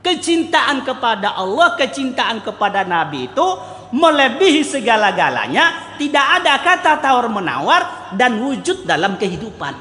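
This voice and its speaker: A man's voice: very high voice, sing-song, normal speed, sharp tone. A male imam preaching a storytelling sermon, speaking directly and animatedly to his congregation. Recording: echoey hall reverb.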